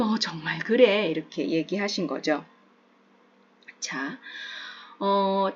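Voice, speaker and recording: A woman English teacher who narrates a lesson, explaining slowly and repeating phrases. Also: medium pitch, muffled recording.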